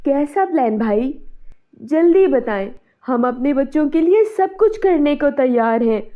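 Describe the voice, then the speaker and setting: Brief: high, pleading village wife, put on by the narrator, muffled cartoon audio. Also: female voice, animated, measured pace. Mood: distraught. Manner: pleading, emotional. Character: anxious village wife and mother. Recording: dull, muffled sound.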